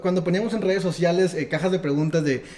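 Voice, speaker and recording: A man's voice: high-pitched, fast talker, mellow. A man hosting a casual interview, enthusiastic and building up his guest with long lists of praise. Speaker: podcast host.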